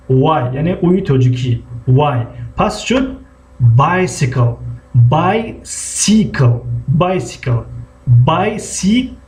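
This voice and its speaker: A man with a Tajik accent gives a language lesson in a slightly high voice. He works through the rules patiently and repeats each example word again and again so the students can follow. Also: a little mellow. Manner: slow, repeats words over and over for students. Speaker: English teacher.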